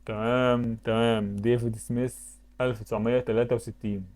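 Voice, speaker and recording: A man's voice: mid-range voice, flat delivery, fairly quick, a little mellow. A man with an Egyptian Arabic accent giving casual commentary while playing web games, thinking aloud and breaking into sudden exclamations. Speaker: YouTuber.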